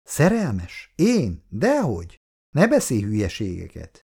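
A man's voice: on the low side, sing-song, gravelly, dark tone, heavily acted. Earnest young soldier in love, voiced by the male narrator, plain voice, a bit defensive.

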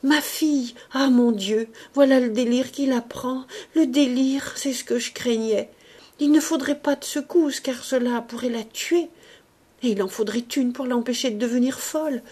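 An old man, anxious and fatherly, begging in a trembling voice, as a woman reader puts him on. He speaks slowly, with a soft, breathy edge. It feels like a storybook read aloud. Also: medium pitch, lively intonation. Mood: panicked. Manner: pleading, fretful, trembling.

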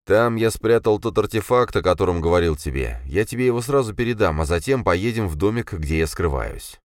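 A man's voice: deep voice, animated, fairly quick, dry recording, studio quality, pitched above the performer's own voice. Man doing a sneering young traitor. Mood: coaxing. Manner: mocking, then jittery and demanding. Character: treacherous, nervous young man, a mage.

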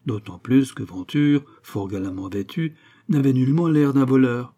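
A man narrating a classic novel in a measured, dramatic reading. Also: medium pitch, mellow. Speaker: audiobook narrator.

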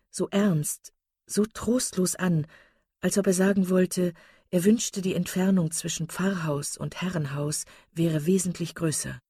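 A woman reading a novel aloud as audiobook narrator, in a steady, even way. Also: on the low side, breathy edge, no echo, studio quality. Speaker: audiobook reader. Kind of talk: scripted narration.

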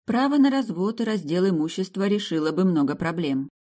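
A woman voicing a brisk, ironic young heroine in an audiobook. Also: on the low side, animated, dark tone, voice pushed up. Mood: thoughtful.

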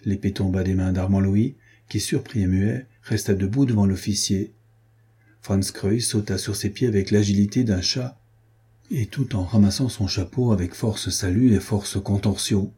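Male audiobook narrator, husky and mellow, measured delivery. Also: fairly low pitch. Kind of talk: scripted narration of a classic novel.

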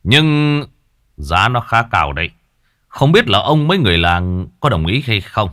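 A man voicing a shrewd exorcist master who speaks in a measured, authoritative way. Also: fairly low pitch, big pitch swings, fairly bright tone. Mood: calm. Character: shrewd male exorcist master, calm and mercenary.

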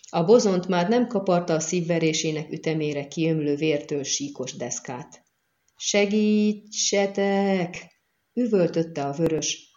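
Woman audiobook narrator, low voice, measured and dramatic, muffled lo-fi recording. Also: darkish tone.

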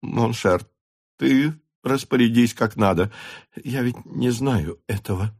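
A man's voice: medium pitch, slow pace, a little mellow, slightly rough, no room sound, clean studio sound. A man reading a novel aloud, voicing a flustered older countess who gives in guiltily. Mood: guilty. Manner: flustered, yielding.

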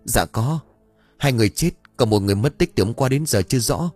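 A man's voice: animated, brisk, a little mellow, breathy edge, faint music behind. A man voicing a frantic young male servant in a spoken story. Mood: urgent. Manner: frantic, high-pitched pleading.

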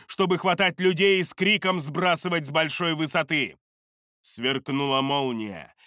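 Male audiobook narrator, bright and slightly high, dry close sound, measured dramatic fantasy reading. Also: clean tone, no echo.

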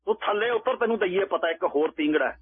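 A man's voice: sits high, lively intonation, quick pace, breathy edge, pitched above the performer's own voice. A man voicing an angry village farmer who threatens a holy man. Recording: tinny phone-like radio line.

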